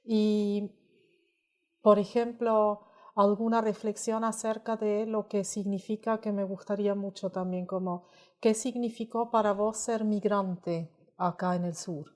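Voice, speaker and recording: A woman asking gentle, friendly interview questions. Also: mid-range voice, fairly even intonation, measured pace. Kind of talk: casual interview.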